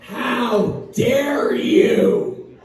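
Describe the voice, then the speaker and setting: A man voicing an indignant, boastful male rescue dog who rants and shouts with scorn, on a stand-up stage. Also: extremely high pitch, drawn-out words, heavily acted. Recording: echoey room from far off. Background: audience laughing.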